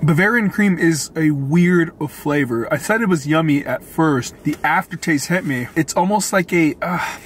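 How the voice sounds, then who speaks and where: A man's voice: fairly high pitch, normal speed, hardly any pauses, music in the background. Chatty man reviewing food in a car. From Florida. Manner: chatty, tasting and commenting as he eats. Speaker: food vlogger. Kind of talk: casual food review vlog. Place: parked car.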